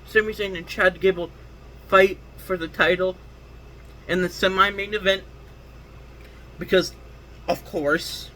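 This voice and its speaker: A man's voice: high voice, sharp tone, slight background noise, low-quality recording. A man hosting his own wrestling talk show, giving casual solo commentary in a rambling way, correcting himself and restarting his sentences. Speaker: wrestling podcast host.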